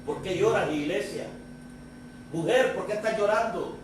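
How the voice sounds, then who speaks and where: A male pastor with a high-pitched voice delivers a sermon, pressing the congregation with question after question. He is recorded in a very echoey church, picked up from a distance with a faint hiss underneath. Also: moderate pace. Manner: preaching with repeated rhetorical questions.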